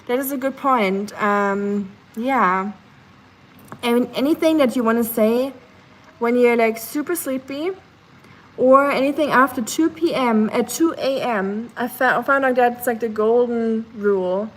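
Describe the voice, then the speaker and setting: Half asleep in her home kitchen, a young woman live streams, chatting casually and relaxed with lots of fillers while reading her chat aloud. Her voice is fairly high and measured in pace, and the recording is rough.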